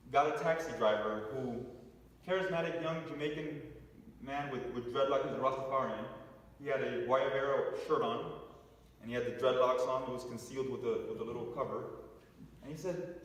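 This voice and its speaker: A man giving a talk to a congregation, telling a story with restarts and asides to the audience. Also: mid-range voice. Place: church hall. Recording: echoey hall, picked up from a distance.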